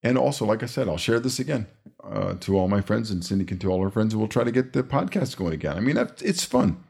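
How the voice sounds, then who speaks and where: A man hosting a casual podcast, talking in a rambling, relaxed way with many fillers. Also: on the low side, fast talker, gravelly, husky. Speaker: podcast host.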